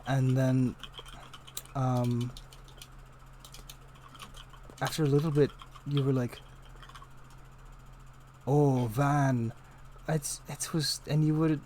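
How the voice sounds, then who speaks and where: A man voicing a sardonic spirit trapped inside a staff, with a dry, teasing, deadpan manner. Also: mid-range voice, takes it slowly, long pauses, slight background noise, lightly acted. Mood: rambling. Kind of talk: tabletop role-play voice.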